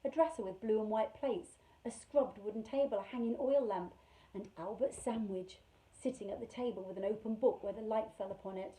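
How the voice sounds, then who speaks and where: Mellow-voiced woman reading to children. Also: mid-range voice, poor audio. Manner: measured, expressive, slows on key words. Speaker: storyteller for children. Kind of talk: reading a children's novel aloud.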